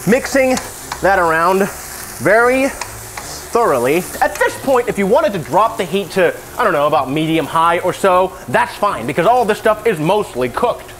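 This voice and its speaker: High-pitched drunk man rambling through a cooking tutorial. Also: fairly bright tone, low-quality recording. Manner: rambling, joking asides, self-deprecating. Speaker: cooking video host. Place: home kitchen while cooking. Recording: sizzling pan and kitchen noise.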